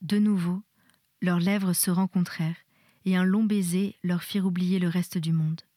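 A woman reading a novel aloud in a soft, intimate style, sometimes dropping to a whisper. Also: fairly low pitch, steady tone, moderate pace, no echo, studio quality. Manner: soft, intimate, drops to a whisper in tender passages. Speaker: reader.

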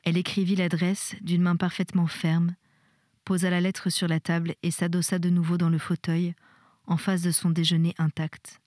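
A woman narrating a storybook with measured, expressive reading. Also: lowish voice, no echo, studio quality. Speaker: audiobook reader.

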